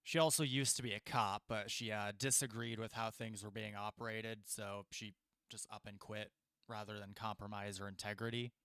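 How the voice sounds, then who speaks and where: A man's voice: on the low side, steady tone, moderate pace, sharp tone, clear, resonant tone, dry recording, clean studio sound. A man narrating a tabletop game as game master, chatty, with frequent laughs and fillers.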